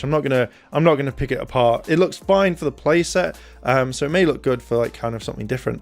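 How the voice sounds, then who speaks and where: A YouTube toy reviewer in his thirties offers casual first-look commentary to camera from a small room at home, hesitant and rambling in a mid-range voice. He's recorded on a handheld recorder held close to his mouth.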